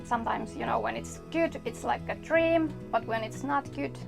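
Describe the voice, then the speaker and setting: A woman's voice: on the high side, moderate pace, vocal fry. A woman from Finland, a native Finnish speaker, chatting casually in English as an interview guest. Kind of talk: casual conversation. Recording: music in background.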